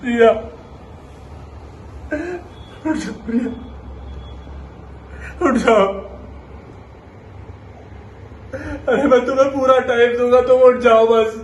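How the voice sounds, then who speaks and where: Man doing a grieving young husband, tearful, breaking voice, very high-pitched, roomy echo from a distance. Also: little pitch movement, normal speed, darkish tone, dull audio, slight background noise. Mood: pleading. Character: grief-stricken young husband pleading at wife's side. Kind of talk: amateur short-film acting.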